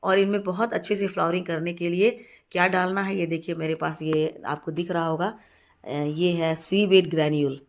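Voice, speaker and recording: A woman with a heavy, stuffed-up voice from a cold hosts a casual gardening tutorial from her terrace garden. She talks in a chatty way, repeats words and often pauses on fillers. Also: lowish voice, steady tone. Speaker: gardening channel host. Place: home terrace garden, outdoors.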